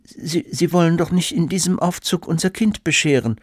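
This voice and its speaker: A man's voice: sits high, animated, normal speed, vocal fry, no echo, studio quality, pitched above the performer's own voice. A man voicing an indignant middle-aged mother who complains about the missing costume.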